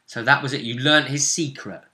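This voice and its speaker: A man game-mastering a tabletop roleplaying game recaps the story casually, his medium-pitched voice bright and forceful. His delivery is halting and emphatic, and he repeats phrases as he goes.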